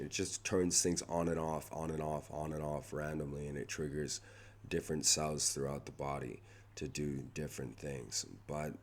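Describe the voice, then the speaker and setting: A young man rambling through a personal vlog update, halting and restarting often, his voice going hoarse. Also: rumbling low. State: losing his voice. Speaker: vlogger.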